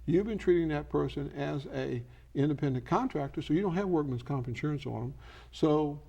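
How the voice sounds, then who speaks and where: Mellow, gravelly man explaining things. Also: on the high side, fairly quick. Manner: didactic, poses rhetorical questions and answers them. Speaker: elder law expert giving advice. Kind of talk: explanatory infomercial interview.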